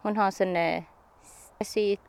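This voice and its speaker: A woman being interviewed, recounting a personal experience in halting, simple sentences with frequent restarts. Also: mid-range voice, steady tone, vocal fry, a little mellow.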